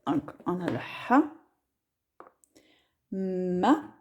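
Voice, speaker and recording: A woman's voice: on the low side, animated, very slow, muffled recording. A woman teaching a lesson, spelling words out syllable by syllable. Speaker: Arabic teacher.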